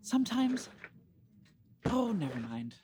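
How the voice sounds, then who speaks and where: A woman's voice: on the high side, very animated, takes it slowly, background noise. A woman playing a pedantic, resentful henchwoman to a villain in a comic musical sketch. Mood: sulky confiding.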